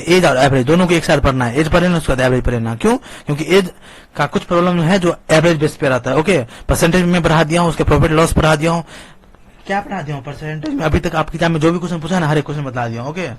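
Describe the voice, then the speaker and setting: A man's voice: on the high side, no echo. A man teaching a math exam-prep lesson, emphatic and checking in constantly with his students. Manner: emphatic, keeps asking "clear?" and "okay?". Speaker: math tutor.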